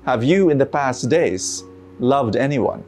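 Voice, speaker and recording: This is a calm woman guide in a spoken parable voiced by a male preacher in close to his own voice. She answers matter-of-factly, with a lively rise and fall in pitch. Soft guitar music sits faintly underneath. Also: slow. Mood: calm, stern. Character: calm otherworldly woman guiding a newcomer.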